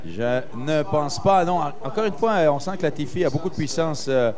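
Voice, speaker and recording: A man's voice: on the high side, expressive, normal speed, a crowd in the background. A man giving live motorsport commentary, hesitating with frequent filler sounds between phrases.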